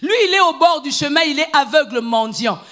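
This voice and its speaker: A woman preacher giving a fervent sermon in church, moving between low, hushed stretches and loud, repeated calls to her congregation. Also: animated, brisk. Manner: fervent, repetitive, shouting exhortations.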